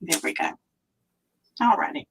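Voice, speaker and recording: On poor audio with slight background noise, a woman runs a live craft tutorial, stamping while she chats and thinks aloud and now and then nearly whispers as her hands stay busy. She talks at a moderate pace in a fairly bright tone.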